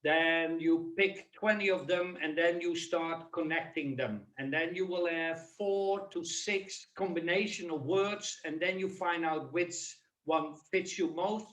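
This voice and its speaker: Slow, earnest Dutch-accented man on a video call. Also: fairly high pitch, a bit bright. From Netherlands. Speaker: webinar presenter. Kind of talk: casual webinar talk. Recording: echoey, distant from the mic.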